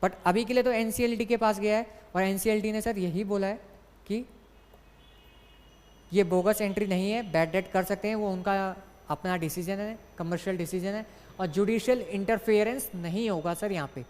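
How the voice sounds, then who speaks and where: A woman's voice: medium pitch, steady tone, moderate pace, darkish tone. A woman teaching an online exam class, explaining step by step and asking and answering her own questions. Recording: long hall reverb.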